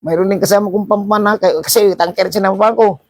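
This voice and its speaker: A middle-aged man tells a story from his working life in a high voice, acting out the shouting parts. He often restarts his sentences as he goes. The recording is dry and close, with no room sound. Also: fast talker, no echo. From Philippines. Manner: animated anecdote with acted-out shouts and frequent restarts. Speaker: seafarer vlogger. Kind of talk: casual storytelling.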